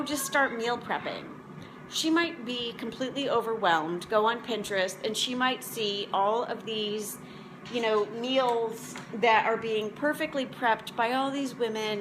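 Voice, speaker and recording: Over a noisy background, a woman in her forties with a voice on the high side chats casually to viewers. She's a motivational vlog host and food prep coach whose talk rambles in a conversational way.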